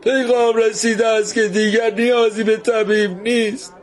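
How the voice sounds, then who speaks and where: A man doing a high, solemn old preacher. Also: flat delivery, natural voice. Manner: solemn, declaiming.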